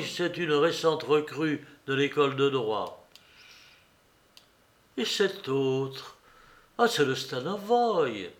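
A man narrating a classic novel in a deliberate reading manner. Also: on the high side, a bit bright. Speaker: audiobook narrator.

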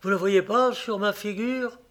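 A man's voice: high voice, fairly even intonation, measured pace, a bit bright, pitched above the performer's own voice. A man playing a bitter, heartbroken young village man who speaks with plaintive anguish in a read-aloud story.

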